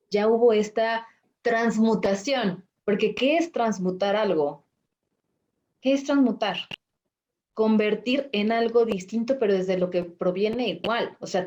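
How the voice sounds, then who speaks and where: A woman coach hosts a reflective talk on spiritual healing, in a middle-pitched voice. She explains patiently and lifts her pitch to act out quoted thoughts. The audio sounds a little muffled, as from an online live stream. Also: warm tone. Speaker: life coach and host.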